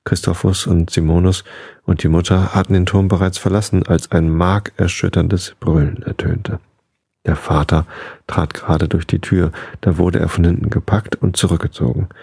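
Deep gravelly male storyteller. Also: flat delivery, moderate pace, mellow, dry recording, studio quality. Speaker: narrator. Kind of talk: storybook reading aloud.

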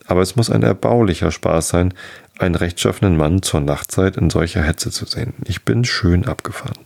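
A man doing a fawning, hapless countryman, low and gravelly. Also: fairly quick, a little mellow. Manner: fawning, flowery politeness. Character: hapless tipsy Irish countryman, ingratiating.

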